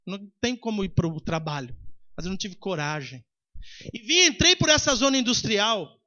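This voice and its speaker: A man's voice: high-pitched, moderate pace, dull audio. A man with a Brazilian Portuguese accent preaching, telling a testimony to his congregation and acting out the dialogue. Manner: animated, acts out dialogue, addresses congregation as brothers. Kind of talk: sermon testimony storytelling.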